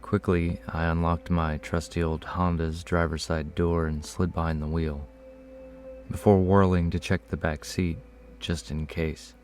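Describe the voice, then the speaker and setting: A man reading a first-person horror story in a measured, low-key way. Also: flat delivery, a little mellow. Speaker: narrator. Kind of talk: scripted horror story narration.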